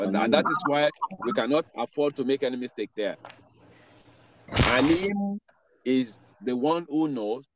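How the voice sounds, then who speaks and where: A man teaching an Arabic pronunciation class online, saying words slowly and carefully and then explaining the rules behind them. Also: medium pitch, slight background noise. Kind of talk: online class with read-after-me drills. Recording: dull lo-fi online class audio.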